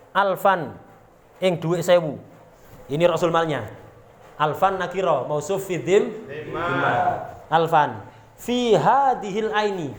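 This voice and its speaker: High-voiced Javanese man teaching a kitab. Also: reverberant, slight background noise. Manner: reads Arabic terms then explains them, asks rhetorical questions, jokes. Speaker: religious teacher. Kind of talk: pesantren kitab lesson.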